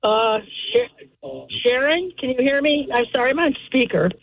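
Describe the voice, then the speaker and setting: A woman calling into a radio show on a speakerphone while driving, hurried and apologetic. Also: high-pitched, lively intonation, vocal fry. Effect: speakerphone from a car. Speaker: radio call-in caller. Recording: dull lo-fi phone line.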